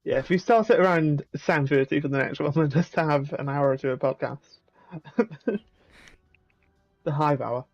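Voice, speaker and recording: A man's voice: on the high side, normal speed, muffled recording. A man with a South Wales Valleys accent in casual, sweary, joking banter. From Caerphilly, Wales. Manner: sweary, joking, laughs often.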